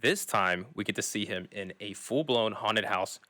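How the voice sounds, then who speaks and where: A man's voice: fairly low pitch, moderate pace, pushed and bright, dry recording. A man hosting a casual podcast chat, talking with enthusiasm. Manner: enthusiastic, with restarts. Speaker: podcast host.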